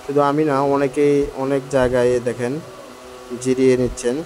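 A man with a brisk, mid-range voice and little pitch movement narrates a walking travel vlog as he climbs hill stairs outdoors. Slightly winded, he chats frankly and complains straight to viewers. The rough phone-camera audio carries loud outdoor noise.

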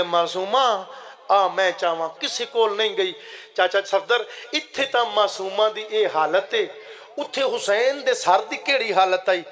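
Guy preaching a majlis, high bright voice, calls out to the crowd and slides into chanting. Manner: impassioned, addresses listeners directly, swells into chanting. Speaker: zakir reciting a majlis. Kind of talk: Muharram majlis recitation with sung lament.

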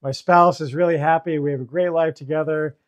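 A man, a therapist co-hosting a podcast, explaining calmly and mixing clinical terms with casual swearing. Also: a little high, fairly quick, highs cut off. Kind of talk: casual chat.

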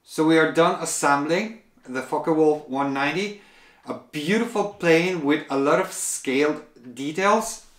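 A man in his forties reviewing a model airplane at a table indoors, talking in a relaxed way with many pauses and fillers. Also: a little high, reverberant. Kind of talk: product unboxing review.

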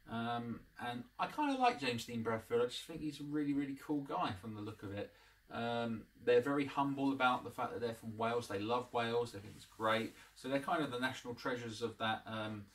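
A man's voice: mid-range voice, fairly bright tone, recorded from a distance. A man in his thirties hosting a casual to-camera review at home, rambling with lots of ums and restarts. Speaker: channel host, reviewer. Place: living room at home. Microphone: camera across the room.

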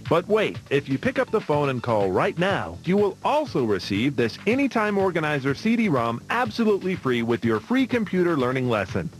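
A man reading a scripted hard-sell ad as an announcer, urgent and emphatic. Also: fairly high pitch. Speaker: infomercial announcer. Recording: music behind the voice. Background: background music.

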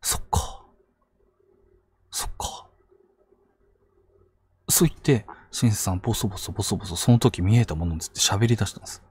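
A man narrating ghost stories on a live stream, dramatic, with hushed lows and sudden outbursts. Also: very fast, few pauses, husky. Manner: dramatic telling, hushed low asides rising to sudden outbursts. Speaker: ghost story teller.

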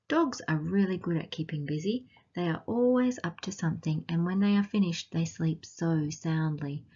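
A woman with an Australian accent reading a picture book aloud to children and asking them gentle, teacherly questions along the way. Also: fairly low pitch, moderate pace, husky, muffled recording. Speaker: children's storytime reader.

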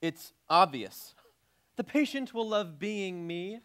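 A man's voice: high-pitched, animated, slow, a bit bright, heavily acted. An actor playing a boastful, vain man who calls himself a classy stud, in a stage musical. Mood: smug. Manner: boastful, chuckling.

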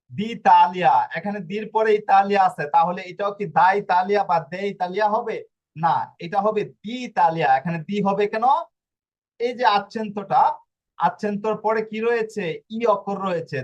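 A man's voice: sits high, muffled recording. A man teaching a language class online, explaining step by step and asking himself questions as he goes. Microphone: video call.

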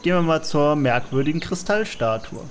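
A man's voice: a little high, animated, fairly quick, soft background music. A man hosting a let's play with casual game commentary.

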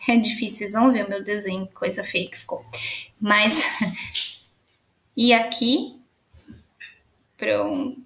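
A woman's voice: mid-range voice, steady tone, measured pace, creaky, pauses often, fairly bright tone, echoey room. A Brazilian woman teaching young children in an online literacy lesson, patiently stretching out words as she marks them. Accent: Brazilian Portuguese.

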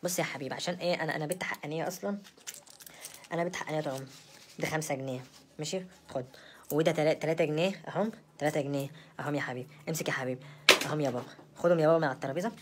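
A woman's voice: low voice, very fast, background noise, lightly acted. A young woman with an Egyptian accent playing a brazen, spoiled young wife in a comedy sketch, rambling and stammering in a sassy way. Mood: placating. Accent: Egyptian Arabic.

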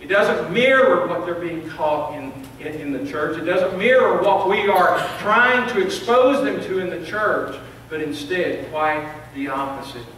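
A middle-aged pastor with a fairly high voice preaches in a large sanctuary, his words ringing through heavy room echo. He sounds set back from the lectern microphone, with faint hiss underneath. He presses his points earnestly, restarting phrases as he builds. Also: expressive, a little slow, few pauses, a bit bright. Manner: earnest preaching with rising emphasis and repeated restarts. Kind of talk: sermon. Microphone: lectern microphone, filmed by a far camera. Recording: echoey sanctuary, distant mic, faint hiss.

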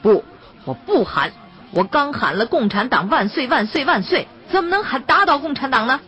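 A man's voice: very high voice, sing-song, moderate pace, pushed and bright, dull audio, voice pushed up, exaggerated voice. A woman voicing a stubborn, proud village man facing death, speaking grimly and without yielding, in an audiobook reading. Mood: defiant. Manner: grim, unbending.

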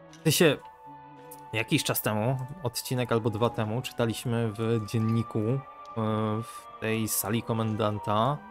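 A man hosting a let's play, excitable and joking, swearing often as he commentates casually. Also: medium pitch. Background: game audio.

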